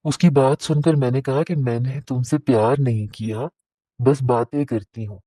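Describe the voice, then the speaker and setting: A man narrating a first-person moral story at a steady, even pace. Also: medium pitch, no echo, low-quality recording.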